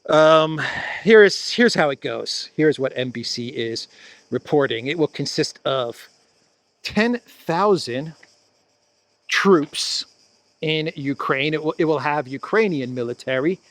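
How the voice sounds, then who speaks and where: A man's voice: a little high, expressive, takes it slowly, fairly bright tone, no echo. Chatty sarcastic man, close and dry. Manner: chatty, sarcastic, laughs at own jokes, many fillers and restarts. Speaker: political commentary host. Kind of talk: casual solo commentary.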